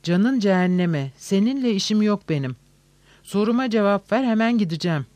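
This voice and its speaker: Nervous insistent gentleman, sharp demands, dry sound, a man reading, story reading. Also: high voice, lively intonation, normal speed, dry recording. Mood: agitated. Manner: insistent, sharp, shouting at times.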